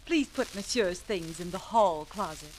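An actress playing a soft-spoken, fluttery housewife in vintage radio comedy style. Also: female voice, on the low side, expressive, normal speed, a little hiss or hum, lightly acted, rough recording. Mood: polite. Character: gentle, polite middle-aged housewife.

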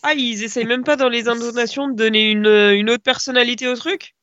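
A woman guesting on a podcast, chatting casually in a relaxed, agreeable way. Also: fairly high pitch, brisk, muffled recording. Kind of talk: casual chat.

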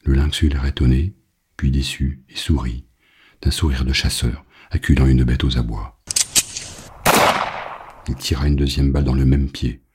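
A man reading a novel aloud as an audiobook narrator, in a grave, measured way. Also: a bass voice, little pitch movement, a little mellow.

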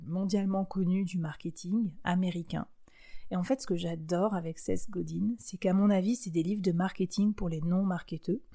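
A woman's voice: fairly low pitch, mellow. A woman hosting a business advice show, talking in a chatty, enthusiastic way with frequent fillers and small laughs. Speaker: podcast host giving business advice. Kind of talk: casual advice monologue.

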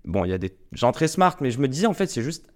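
A man's voice: mid-range voice, very animated, quick pace, darkish tone. A young man hosting an interview podcast, asking chatty, probing questions. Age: young adult. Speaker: podcast host.

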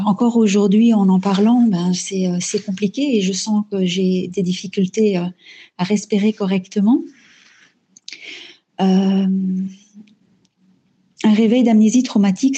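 A woman's voice: medium pitch, dark tone. A woman telling her own story in the first person, speaking hesitantly with frequent fillers and repeated words. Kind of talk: first-person spoken testimony. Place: lives in Belgium.

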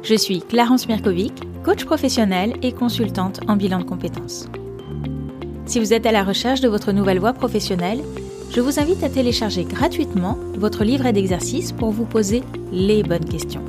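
A woman who is a career coach, hosting her podcast and introducing a guest in a clear, welcoming presenter delivery. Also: medium pitch, moderate pace, music in the background. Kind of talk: scripted podcast intro and interview.

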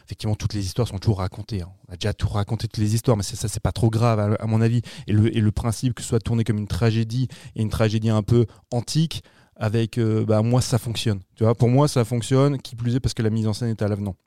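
A man reviewing a film in casual panel chat, animated and slangy, swearing freely and restarting his sentences. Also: fairly low pitch, fast talker, no echo, studio quality.

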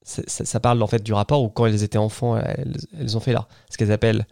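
A man's voice: fairly low pitch, fairly even intonation, quick pace, vocal fry, mellow, dry recording, clean studio sound. Chatty man recommending a podcast. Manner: chatty, enthusiastic, with many fillers and restarts. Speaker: podcast host.

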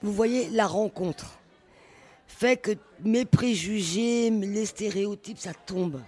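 A woman's voice: medium pitch, slow, dark tone, husky. A woman speaks at a public roundtable in a community venue, recalling her street work in an earnest, searching way. She restarts her sentences often as she builds the story. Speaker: former street youth worker, panel participant. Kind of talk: live roundtable discussion.

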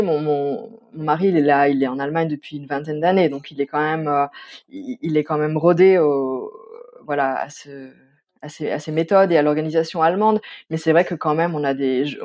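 A woman's voice: sits low, darkish tone. Chatty, hesitant woman in her thirties. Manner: chatty, hesitant with many fillers and restarts. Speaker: interview guest. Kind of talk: casual interview.

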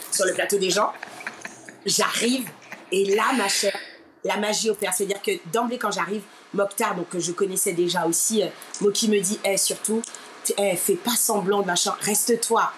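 A woman from Martinique tells a story with lots of energy and drama, jumping into the voices of the people she quotes. Her pitch sits in a middle range, and a clear layer of background noise runs under the recording. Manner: expressive, acts out quoted people, keeps saying "ma chère". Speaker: interview guest, radio presenter. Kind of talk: animated personal storytelling.

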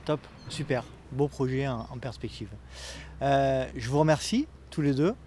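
A man's voice: medium pitch, moderate pace, warm tone, a little hiss or hum. Man hosting a casual interview. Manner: friendly, fillers. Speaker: podcast host.

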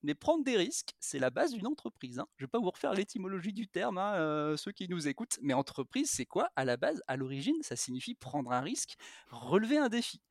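A man talks as a podcast guest in an energetic, frank way, his pitch swinging up and down as he makes his points. He stumbles and restarts often and fills pauses with hesitations. The sound is dry and close, with no room echo. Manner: animated, frank, lots of fillers and restarts. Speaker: podcast guest, content strategist. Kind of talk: casual podcast conversation.

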